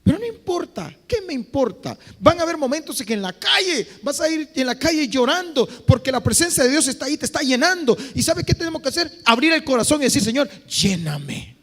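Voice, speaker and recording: Pastor, impassioned sermon, high and very lively voice, church hall reverb. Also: male voice, fast talker, hardly any pauses. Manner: impassioned preaching, swinging between loud exhortation and quiet phrases.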